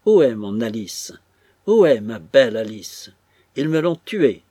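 A man voicing a frantic old woman, a grieving mother who cries out in shrill, wailing bursts. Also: animated, normal speed, darkish tone, no echo, studio quality. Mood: anguished.

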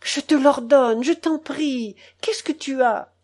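A woman's voice: medium pitch, very animated, measured pace, darkish tone. A woman reading the part of a stern elderly aristocratic grandmother who scolds coldly and with emphasis. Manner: cold, emphatic, scolding with raised voice.

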